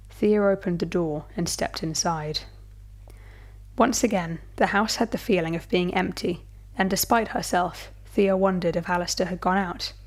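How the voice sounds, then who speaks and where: A woman storyteller giving a measured, dramatic scripted horror narration. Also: fairly low pitch.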